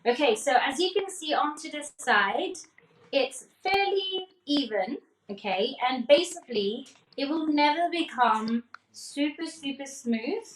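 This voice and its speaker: A woman's voice: sits high, lively intonation, unhurried, slight background noise. A woman demonstrating cake decorating live in a kitchen, talking casually and checking in with her viewers. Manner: chatty, checks in with "okay?", laughs often. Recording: echoey room.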